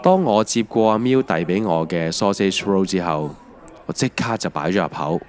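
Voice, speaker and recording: With a deep, darkish, expressive voice at a moderate pace, a Hong Kong-accented man narrates a scripted autobiographical audio drama, telling the story in a reflective, wry manner. Background music plays under his voice.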